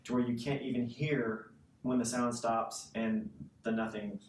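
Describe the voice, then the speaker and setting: A man's voice: mid-range voice, little pitch movement, measured pace. A man giving a casual instructional explanation as a music teacher, conversational and often checking in with the listener. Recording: roomy, distant mic, faint noise.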